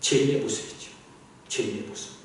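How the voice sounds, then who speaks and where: A male pastor preaching a sermon, animated, often asking the congregation questions. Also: on the low side, brisk, heavy reverb, distant mic, rough recording. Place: church sanctuary.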